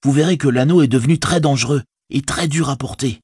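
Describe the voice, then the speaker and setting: A man's voice: mid-range voice, a little fast, darkish tone, slightly rough, no echo, clean studio sound, voice pushed up, lightly acted. A man voicing a loyal, humble young hobbit servant in an audiobook, speaking in a folksy, deferential way in a raised voice. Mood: devoted. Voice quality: folksy colloquial speech, deferential. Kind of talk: audiobook character voice.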